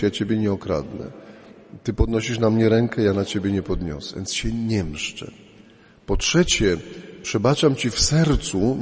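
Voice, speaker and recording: A man preaching a sermon as a priest, slow and emphatic, his voice rising and falling in pitch and loudness. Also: big-room sound.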